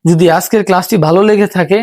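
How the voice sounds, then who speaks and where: A man's voice: high-pitched, fairly even intonation, fast, a little mellow, no echo. A man teaching English reading, patiently sounding out words syllable by syllable. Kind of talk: spoken lesson.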